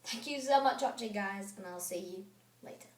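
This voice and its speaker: A woman's voice: mid-range voice, brisk, roomy sound. A young girl talking casually to viewers as the host of a challenge video. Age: child. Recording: clearly noisy home recording.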